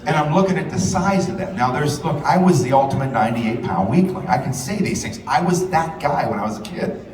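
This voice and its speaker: A man's voice: a little high, expressive, brisk, darkish tone. A man giving a fiery live speech, blunt and profane, telling heated stories. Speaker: rally speaker. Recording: echoey hall, distant mic.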